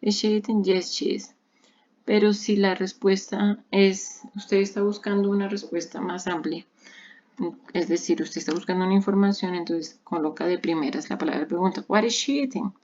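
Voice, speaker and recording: A woman English teacher gives a recorded online grammar lesson in a medium-pitched, fairly even, darkish voice at normal speed. She explains patiently step by step and repeats examples; the recording is dull and lo-fi with a little hiss or hum.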